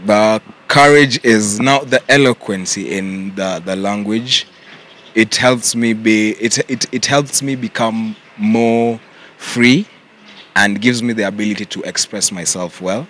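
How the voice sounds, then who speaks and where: A young man with a Kenyan accent, answering interview questions in a relaxed way and mixing English with Swahili slang. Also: fairly low pitch, slow pace, a little hiss or hum. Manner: relaxed, mixes English and Swahili slang, says "yeah" often. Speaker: content creator guest.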